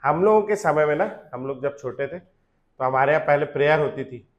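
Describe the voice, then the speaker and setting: A man in his thirties teaching chemistry to a classroom in a casual lecture. He asks tag questions over and over and makes the class chant formulas loudly and slowly. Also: on the high side, animated, muffled recording. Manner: chatty, rhetorical tag questions, drills formulas by loud slow chanting.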